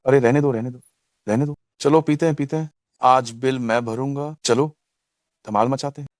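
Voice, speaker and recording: An actor playing a jovial, flattering male drinking buddy in a Hindi drama dub. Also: mid-range voice, normal speed, dry recording, studio quality, close to an everyday voice.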